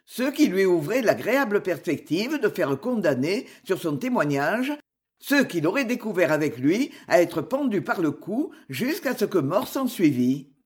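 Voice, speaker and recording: A narrator reading a classic novel aloud in measured, expressive scripted narration. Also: mid-range voice. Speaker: audiobook narrator.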